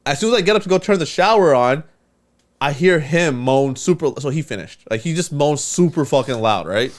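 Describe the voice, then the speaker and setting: A man telling a story in casual podcast chat, animated and profane, acting out the voices of the people in it. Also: a little high, brisk. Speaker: podcast co-host.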